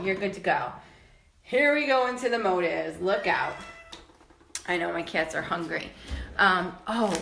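A woman's voice: medium pitch, a bit bright, slight background noise. A woman in her thirties giving a rambling, enthusiastic home tour of her products, a little out of breath as she walks around her bathroom, recorded on a phone at arm's length. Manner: chatty, rambling, enthusiastic, many fillers. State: a bit out of breath while moving. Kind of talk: casual chat. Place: home bathroom and closet, indoors. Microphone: phone held at arm's length.

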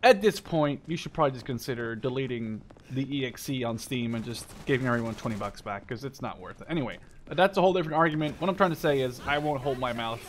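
A man in his twenties hosts a gaming video, offering casual, rambling commentary that is opinionated, emphatic, and sometimes profane. His medium-pitched voice is expressive and fast, with hardly any pauses. Game gunfire and clicks sit behind him as slight background noise.

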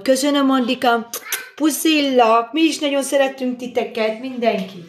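Chatty middle-aged woman, slightly high voice. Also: slight background noise. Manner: chatty, thanks viewers and answers comments as she cooks. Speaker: livestream host. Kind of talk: casual live-stream chat while cooking. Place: home kitchen at her daughter's. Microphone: phone camera.

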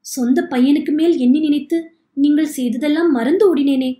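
A woman's voice: high voice, normal speed, mellow, lightly acted. A woman reading the part of a remorseful young man who weeps and begs forgiveness, in an audiobook. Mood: pleading. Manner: tearful pleading. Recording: echoey room.

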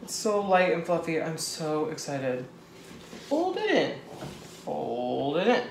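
A man in his twenties chatting casually and excitably to camera as he bakes, giggly and gushing. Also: fairly high pitch. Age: 20s. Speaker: host of a home baking vlog. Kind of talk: casual chat to camera while baking. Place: home kitchen. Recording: echoey kitchen, clicks and background noise.

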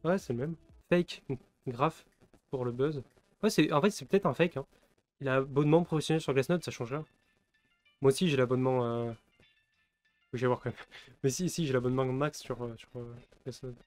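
A man's voice: mid-range voice, normal speed, long pauses, a little mellow, no room sound, soft background music. A man in his twenties from France, rambling through casual live-stream commentary, laughing often and answering chat. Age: 20s.

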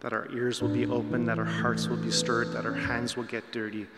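A man prays steadily at a pulpit microphone, keeping his voice level and even. His words ring through a roomy chapel with a long reverb tail, while guitar plays clearly underneath. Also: medium pitch. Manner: measured, solemn. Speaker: prayer leader. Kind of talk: spoken congregational prayer. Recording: echoey chapel hall with loud guitar.

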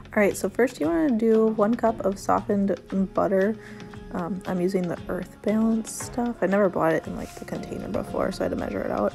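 A woman's voice: mid-range voice, brisk, gravelly, music in the background. A young woman chatting casually in a home baking vlog, upbeat and rambling with lots of asides, recorded on a phone camera at home. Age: young adult. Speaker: vlogger. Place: living room couch, then home kitchen.

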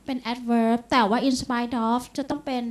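A woman giving a classroom grammar lecture, explaining patiently, quizzing her students and adding soft polite particles. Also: fairly high pitch, steady tone, slow pace.

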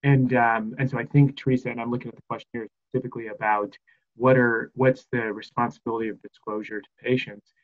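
A man's voice: medium pitch, flat delivery, fast talker. A man speaking as a panelist on a video call from a small room, hesitant and often repeating words. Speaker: health tech expert panelist. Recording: dull lo-fi audio.

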